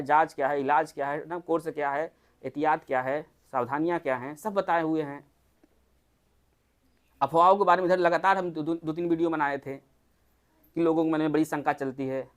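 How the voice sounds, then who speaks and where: A TB doctor gives an informal health talk to a small group, in a chatty way with many rhetorical questions. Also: medium pitch. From Uttar Pradesh, India.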